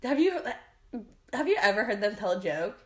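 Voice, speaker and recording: A young woman hosting a podcast in casual chat, with vocal fry, saying "like" often and laughing a lot. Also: mid-range voice, sing-song, moderate pace, roomy sound. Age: young adult. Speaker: podcast host.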